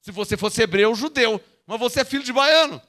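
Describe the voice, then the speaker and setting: High-pitched emphatic Brazilian man preaching. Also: lively intonation, fairly quick, bright, forceful tone. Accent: Brazilian Portuguese. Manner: emphatic preaching, rhetorical questions to the congregation. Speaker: pastor. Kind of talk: sermon, Bible teaching.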